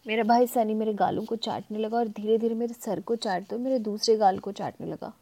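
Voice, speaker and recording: A woman narrating a first-person audio story in an intimate, breathy storytelling manner. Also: fairly high pitch, steady tone, fairly quick, dark tone.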